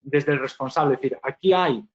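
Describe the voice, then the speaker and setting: A man's voice: mid-range voice, brisk. Man explaining acoustics in a muffled webinar. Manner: explanatory, frequent rhetorical questions and "¿vale?" tags. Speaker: acoustics engineer presenting a webinar. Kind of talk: technical presentation.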